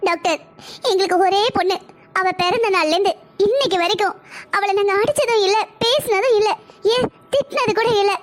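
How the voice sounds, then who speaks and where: A woman's voice: very high-pitched, steady tone, fast talker. A woman voicing a tearful, pleading cartoon mother. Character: worried middle-aged mother pleading for her daughter. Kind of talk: cartoon voice acting.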